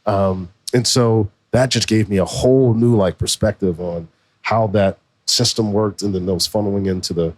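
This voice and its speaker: A man in his forties, a podcast co-host, telling his story in a relaxed, slangy way. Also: on the low side, normal speed. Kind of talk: casual conversation.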